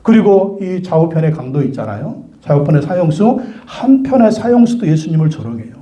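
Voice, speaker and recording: A man's voice: fairly high pitch, sing-song, brisk, warm tone. A male pastor delivering a sermon emphatically, with frequent rhetorical questions.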